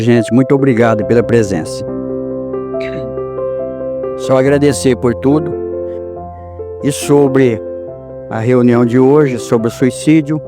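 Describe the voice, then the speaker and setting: Brazilian man telling heartfelt stories. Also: mid-range voice. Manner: folksy, heartfelt, tells stories with quoted dialogue. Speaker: speaker at a spiritist center. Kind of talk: informal talk with storytelling.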